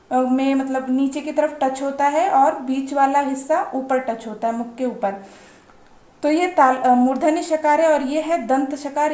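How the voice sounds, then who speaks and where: A high-pitched woman gives an unhurried lesson to parents, stretching out each letter sound so it can be copied. Her voice carries the echo of a roomy space around the mic. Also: a little mellow. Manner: patient, drawn-out letter sounds. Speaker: Hindi teacher for parents. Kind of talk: slow explanatory lesson.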